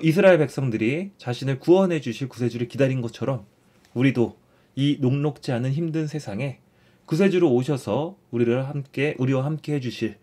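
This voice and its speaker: A young man teaches a relaxed catechism lesson in an easy, conversational style, his voice at a mid pitch for a man. He explains warmly, restates and repeats his points, and often opens with "자," a prompting "so" that nudges listeners along.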